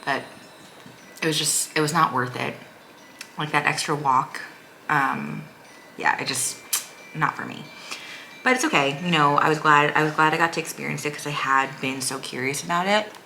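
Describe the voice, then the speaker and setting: A woman's voice: deep voice, fairly even intonation, moderate pace, gravelly, long pauses, bright, forceful tone, a little hiss or hum, low-quality recording. A woman vlogger giving a casual, chatty recap in a rambling, informal way full of "like". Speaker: vlogger, mother of a young child.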